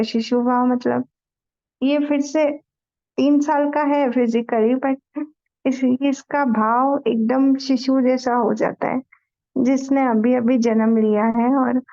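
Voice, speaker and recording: A woman leading a meditation session, narrating a devotional story in an expressive storytelling manner to a group. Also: high voice, takes it slowly. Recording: muffled lo-fi recording.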